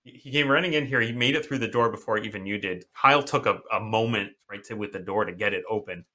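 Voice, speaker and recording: A man's voice: fairly low pitch, sharp tone. A man narrating a horror tabletop game as game master, often restarting his phrases and filling gaps with "uh" and "um". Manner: halting, many restarts and fillers.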